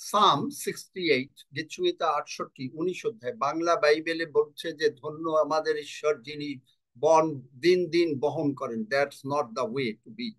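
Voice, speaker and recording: A man preaching a bilingual sermon, slow and emphatic, repeating key phrases and translating himself between languages. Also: on the high side, fairly bright tone. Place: church service.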